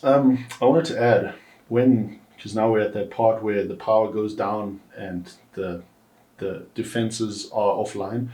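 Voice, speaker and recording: A man's voice: on the low side, fairly even intonation, unhurried, warm tone. A man co-hosting a podcast, chatting casually about a film and thinking aloud with hedges. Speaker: podcast co-host. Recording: echoey room.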